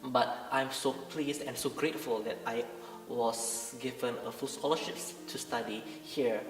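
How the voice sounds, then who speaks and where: A young Indonesian man, a pianist, composer and master's student, speaks a little slowly in a mid-range, fairly even voice during a pre-concert interview. He sounds earnest and hesitant, often searching for words. The recording is from a large recital room, echoey with a distant mic and music behind him.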